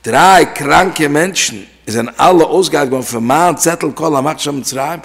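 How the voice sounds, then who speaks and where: Male religious teacher, slightly high husky voice, explanatory, repeats himself, Hebrew and English words mixed in, reverberant hall. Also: normal speed, fairly bright tone. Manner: explanatory, repeats and restates his points. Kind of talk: religious study lecture.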